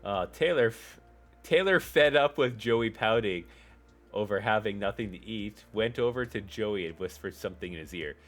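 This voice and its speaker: Lively low-voiced man mocking fan fiction. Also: normal speed, soft background music. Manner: mocking, joking asides, laughs often. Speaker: streamer. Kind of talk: reading fan fiction aloud on a live stream.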